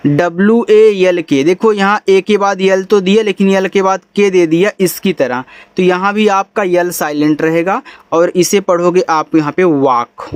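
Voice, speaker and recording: A man's voice: high voice, normal speed, clean tone, no room sound. A man teaching English in a spoken lesson, explaining spelling and pronunciation patiently in a casual, friendly way. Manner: casual and friendly, says bhai and yaar.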